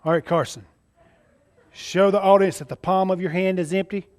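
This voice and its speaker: This Southern-accented Mississippi magician has a high-sitting but darkish voice, steady in tone and at normal speed, as he coaches a child volunteer with showy, jokey patter during a live kids' magic show, like a party magician.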